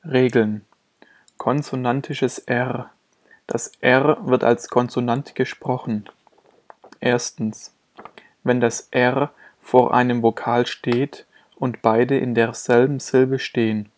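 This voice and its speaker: A man's voice: mid-range voice, fairly even intonation, takes it slowly. A man reading a scripted German pronunciation lesson, carefully articulating example words one by one. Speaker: pronunciation teacher.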